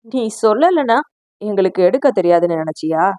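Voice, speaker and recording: A woman voicing a domineering eldest brother who shouts threats in a storybook reading. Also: fairly low pitch, animated, normal speed, no echo, voice pushed down, lightly acted. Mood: furious.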